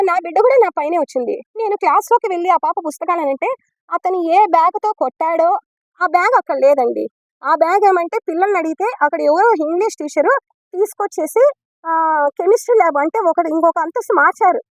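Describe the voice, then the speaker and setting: A woman's voice: very high-pitched, dry recording. A woman gives a statement to news reporters as a mother and teacher. She sounds earnest and upset and recounts events step by step, ending sentences politely. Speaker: mother and school biology teacher.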